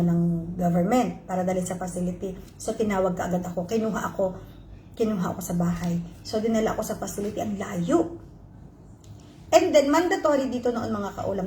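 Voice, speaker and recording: A woman's voice: mid-range voice, a little mellow, a little hiss or hum. A woman vlogger telling her viewers an emotional personal story, switching between Tagalog and English. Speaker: vlogger host. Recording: roomy echo.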